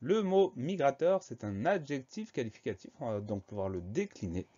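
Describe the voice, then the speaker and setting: A man teaching a spelling lesson, explaining words slowly and spelling them out letter by letter. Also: mid-range voice, big pitch swings, dark tone, lo-fi sound.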